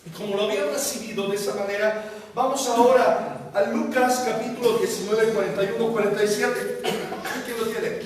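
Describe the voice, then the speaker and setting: A man's voice: sits high, fairly quick. A male pastor preaching a sermon emphatically, often calling out exclamations. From Mexico. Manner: emphatic, often quotes the crowd with rising exclamations. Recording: roomy hall reverb, distant mic.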